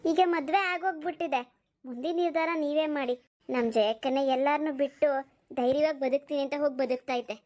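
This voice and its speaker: A woman's voice: high-pitched, brisk, darkish tone, close to an everyday voice. A woman voicing a young village stepmother who insists she means no harm. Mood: defensive. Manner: defensive, pleading her innocence. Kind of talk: cartoon voice acting.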